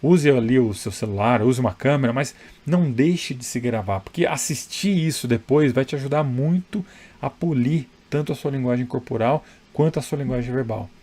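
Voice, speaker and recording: A man's voice: mid-range voice, normal speed, mellow. A man coaching public speaking straight to the camera, chatty and emphatic, often checking in with the viewer. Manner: conversational, tag questions, emphatic. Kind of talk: direct-to-camera advice.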